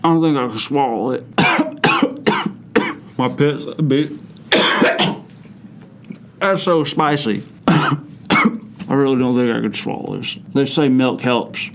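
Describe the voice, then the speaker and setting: A young man talks slowly, between coughs and sighs, in a casual hot sauce challenge. He hosts a youth ministry show and keeps up a theatrical running complaint about the heat. A steady noisy background sits under his voice. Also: medium pitch.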